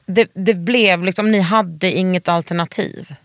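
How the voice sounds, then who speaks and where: A podcast host asking questions and reacting quickly in a casual interview chat. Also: mid-range voice, fairly even intonation, dry recording.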